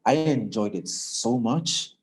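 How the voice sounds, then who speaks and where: A man working as a radio announcer, telling stories from his career in a casual interview, often repeating words as he starts. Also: slow pace. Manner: animated storyteller, acts out quoted voices higher and louder.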